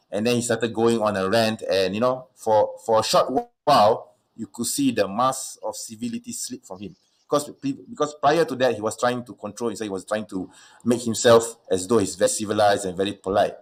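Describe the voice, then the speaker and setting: A man with a fairly low voice hosts a casual livestream question session. He talks at length, stopping and restarting his sentences with many fillers. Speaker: livestream host.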